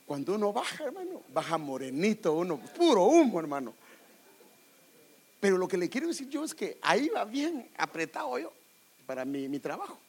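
A man's voice: high-pitched, moderate pace, husky. A middle-aged man with a Guatemalan Spanish accent preaching a personal testimony, calling his listeners brother. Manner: animated, addresses listeners as brother. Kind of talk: testimony sermon.

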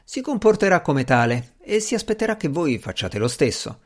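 A man voicing a bored, aloof aristocratic gentleman in an audiobook, speaking in a languid, dismissive way. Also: fairly high pitch, very animated, normal speed, pitched above the performer's own voice. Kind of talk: audiobook character reading.

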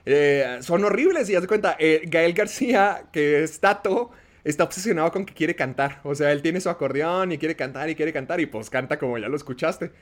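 A man's voice: a little high, moderate pace. A man with a Mexican accent, a podcast host giving a rambling, casual film review with many fillers.

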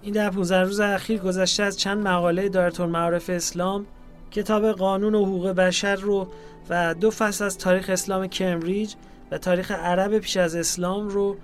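A man reads diary entries aloud in a calm, measured way, his voice sitting a little higher than most men's. Soft music plays faintly underneath his narration.

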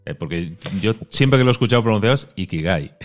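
Hosting a laid-back podcast conversation, a middle-aged man speaks fast in a lowish voice, animated and often laughing, sometimes dropping into quieter asides. Soft music is faintly audible behind him.

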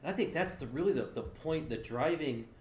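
A man's voice: fairly high pitch, animated, fairly quick, a little mellow. Earnest man explaining faith. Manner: earnest, explanatory, with frequent restarts. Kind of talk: casual theological discussion. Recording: roomy echo.

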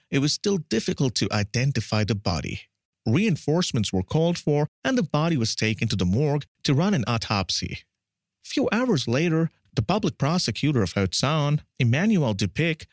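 A man giving scripted true-crime narration in a solemn, measured way. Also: mid-range voice, no room sound, studio quality.

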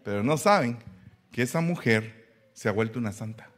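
A male pastor preaching a sermon, swinging from hushed asides to loud, humorous appeals to the congregation. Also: mid-range voice, animated, normal speed.

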